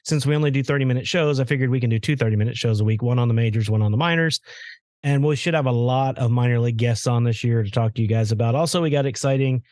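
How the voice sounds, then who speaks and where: A congested man co-hosts a casual sports podcast, talking fast and rambling from one point to the next. His voice sits at an ordinary pitch and sounds dry and close, with no room around it. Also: darkish tone, dry recording. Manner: chatty, rambling. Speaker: podcast co-host. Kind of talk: casual chat.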